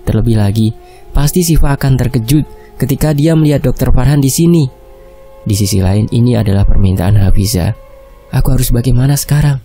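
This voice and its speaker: A man reading a horror novel aloud in a steady, calm narration. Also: mid-range voice, brisk, soft background music. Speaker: audiobook narrator.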